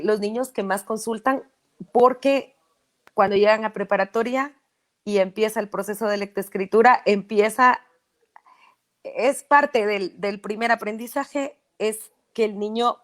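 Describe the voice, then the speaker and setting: A Guatemalan speech therapist, a woman with a mid-range voice, speaks a little slowly in an interview. She explains patiently and often checks in with "¿verdad?".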